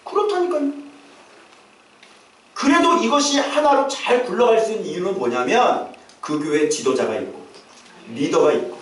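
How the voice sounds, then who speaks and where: A man preaches to his congregation and now and then bursts into acted, shouted calls. His voice sits high and swings widely in pitch. It comes from a distance through a heavily echoing church sanctuary. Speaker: pastor. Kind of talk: sermon. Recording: echoey church hall, mic at a distance.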